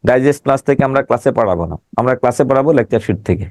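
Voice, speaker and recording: A man's voice: medium pitch, expressive, very fast, darkish tone, no echo. Emphatic male teacher drilling syllables. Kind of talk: online exam-prep class.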